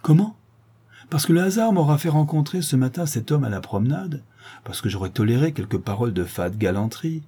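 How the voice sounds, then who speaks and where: An aristocratic mother in distress, declaiming and pleading with rising, lifted tones, as a man reading the story puts her on. The pitch sits higher than his own low, husky voice, yet keeps its dark, mellow grain. A storybook duchess full of wounded pride. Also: lively intonation, a little fast. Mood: indignant. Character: proud, desperate noblewoman, a mother pleading. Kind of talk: audiobook reading.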